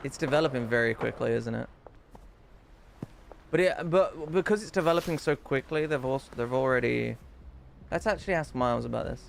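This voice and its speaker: A man's voice: mid-range voice, a little fast, gravelly, pauses often, slight background noise. A male streamer chatting casually on a live stream. He talks bluntly and swears when annoyed.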